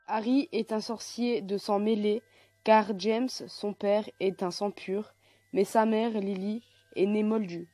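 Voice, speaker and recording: A young woman, casually running through numbered facts in a fan vlog, chatty and a little halting. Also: mid-range voice, mellow, no room sound. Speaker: youtuber.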